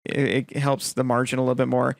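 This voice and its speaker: A man co-hosting a casual podcast, his mid-pitched voice gravelly with vocal fry. He tells stories full of fillers and little acted-out quotes, and the sound is dry and close, with no room echo. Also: monotone, fast. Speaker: podcast co-host. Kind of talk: casual chat.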